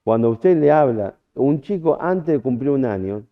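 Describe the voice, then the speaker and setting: A man's voice: medium pitch, lively intonation, normal speed. A man with an Argentine accent preaching at a church camp, telling a personal story in a chatty way, full of restarts and acted-out quotes. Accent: Argentine Spanish. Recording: tinny phone-like audio.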